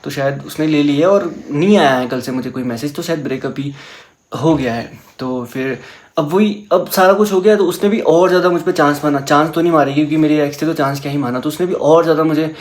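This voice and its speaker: A young man telling a personal story in casual chat, animated and mixing English words into his talk. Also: fairly high pitch, fast talker. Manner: animated, mixes English into Hindi.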